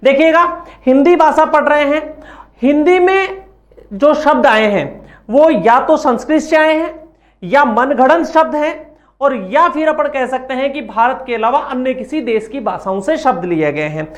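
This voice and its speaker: A man's voice: very high-pitched, normal speed. A man teaching a grammar lesson from slides. He asks questions and answers them himself, and has the class repeat words after him.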